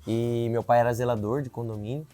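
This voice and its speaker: A man's voice: mid-range voice, steady tone, fairly quick, warm tone. A man in his twenties, a city council candidate, earnestly telling his life story in an interview, often adding filler tags. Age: 20s.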